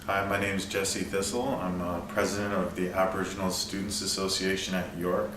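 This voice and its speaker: Male interviewee, very low and level; roomy, noisy distant recording. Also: level tone, a little fast. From Saskatchewan, Canada. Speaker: student leader interviewee. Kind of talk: interview answers. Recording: echoey room, distant mic, noise.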